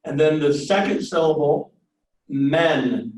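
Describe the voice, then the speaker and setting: A man teaching Greek pronunciation in a classroom lecture, speaking step by step and pausing for an interpreter. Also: on the high side. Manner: slow, step-by-step, pauses for the interpreter. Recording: echoey room, distant mic, faint noise.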